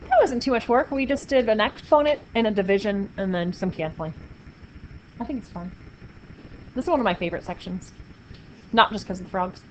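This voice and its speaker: Speaking a little fast but pausing often, a woman with a mid-range voice leads a math lecture, upbeat and playful as she encourages her students. Faint noise sits under the muffled classroom audio.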